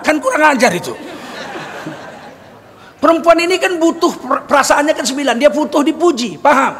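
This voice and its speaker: A middle-aged Indonesian man preaching a sermon, telling lively stories and acting out dialogue with humor. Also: very high voice. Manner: animated storytelling with acted dialogue and jokes. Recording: long hall reverb, faint noise.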